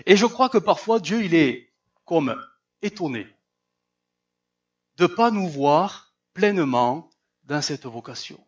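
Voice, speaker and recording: A man's voice: on the high side, animated, slow pace, pauses often, slightly rough. A male pastor preaching a sermon, acting out Bible voices and firing rhetorical questions. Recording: slightly muffled recording.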